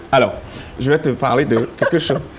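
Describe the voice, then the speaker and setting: A singer whose first language is Yakuba, chatting in an interview and telling stories with a laugh. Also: male voice, mid-range voice, a little hiss or hum. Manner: animated storytelling, laughing often. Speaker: gospel singer. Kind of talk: casual interview chat.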